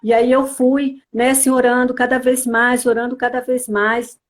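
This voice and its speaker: A woman from the church shares her religious testimony in earnest storytelling, her Brazilian Portuguese carrying an Espírito Santo accent and full of little fillers such as "né, assim." She talks at a moderate pace in a slightly high voice with a level tone.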